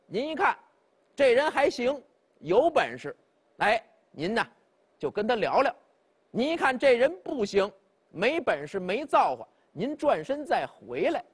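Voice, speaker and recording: A man's voice: sits high, husky, heavily acted. A storyteller voicing a polite, persuasive county magistrate who coaxes an old man. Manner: polite, coaxing official speech.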